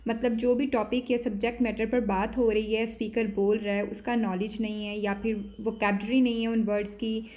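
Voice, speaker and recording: A woman with a somewhat high-pitched voice delivers a classroom-style lecture. She explains point by point in a steady, teacherly way. She pauses with small filler sounds and mixes English terms into her speech.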